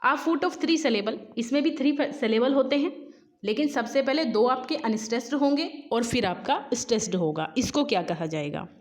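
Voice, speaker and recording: Fairly high-pitched woman teaching, quizzing. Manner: quizzing, repeats answers, reads questions slowly. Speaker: English exam teacher. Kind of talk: Hindi-English exam lesson.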